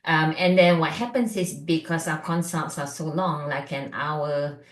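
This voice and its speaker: A woman's voice: low-pitched, a little slow, reverberant. A middle-aged woman from Malaysia, a doctor chatting casually as a guest, with many fillers. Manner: chatty, lots of fillers and likes. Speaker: functional medicine doctor, guest. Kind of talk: casual interview chat.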